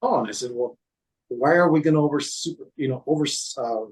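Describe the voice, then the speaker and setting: A slightly rough, mid-range male voice comes through a low-quality recording. This former city code manager recounts workplace events during an interview, haltingly, with many restarts and fillers, often quoting what others said.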